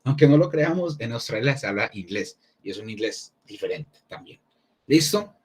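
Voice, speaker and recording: A man's voice: medium pitch, animated, moderate pace, darkish tone, breathy edge. A man teaching an English class online, talking casually and thinking aloud with many restarts.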